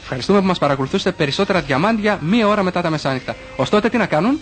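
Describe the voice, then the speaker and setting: A man's voice: high voice, lively intonation. A man hosting a radio music show, bantering and teasing his guest in a casual, joking way from a radio studio.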